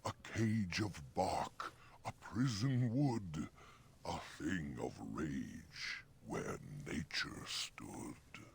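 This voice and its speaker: A very deep, rhyming ancient oak. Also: male voice, expressive, drawn-out words, vocal fry, slightly rough, full character voice. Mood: solemn. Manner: speaks in archaic rhyming couplets. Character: ancient male talking oak tree, courteous and gently jesting. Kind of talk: theatrical fantasy game dialogue.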